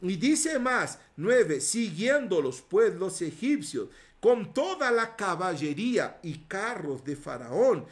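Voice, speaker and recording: A pastor with a high-pitched, very animated voice preaches emphatically, moving between hushed asides and loud declarations and having the congregation repeat after him. He takes it slowly and pauses little.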